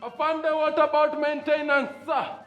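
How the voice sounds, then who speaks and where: A man's voice: very high voice, level tone, unhurried, dull audio, soft background music. An actor playing an obedient young male private answering his sergeant. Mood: eager. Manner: snappy parade-ground replies.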